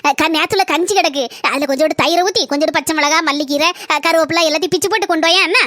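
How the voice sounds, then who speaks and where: A woman's voice: high voice, very fast, bright, forceful tone, no room sound, studio quality. Woman voicing a fussing village mother-in-law. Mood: doting. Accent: southern Tamil Nadu village dialect. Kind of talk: cartoon voice acting.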